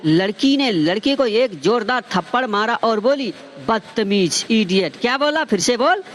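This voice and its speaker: High-voiced man telling quick jokes. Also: animated, fairly bright tone. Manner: punchy joke delivery, acts out dialogue. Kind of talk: joke storytelling to viewers.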